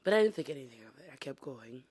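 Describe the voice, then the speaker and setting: A sick, congested woman podcast host with a smoker's rasp, hoarse and breathy, giving a casual personal update. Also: very deep voice, animated, fast talker, darkish tone. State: sick, congested and wheezy, coughing and throat-clearing.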